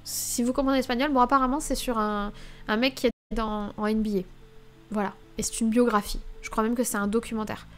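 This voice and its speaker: Chatty young woman streamer, slightly high. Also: steady tone, fairly quick, faint music behind. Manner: chatty and scattered, thinking aloud while browsing. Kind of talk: casual live-stream chat.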